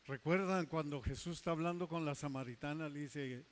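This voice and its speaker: A male pastor preaching a sermon, emphatic, stretching key words slowly and dropping into quiet asides. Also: a little high.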